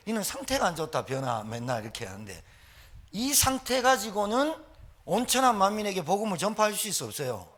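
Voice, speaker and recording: A man's voice: high-pitched, fairly bright tone. A middle-aged man, preaching a sermon as pastor with emphatic rhetorical questions.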